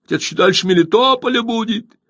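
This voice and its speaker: A man's voice: sits high, quick pace, a bit bright, dry recording, lo-fi sound, voice pushed up. A man reading an audiobook, voicing a timid, bewildered male Cossack townsman who frets and exclaims.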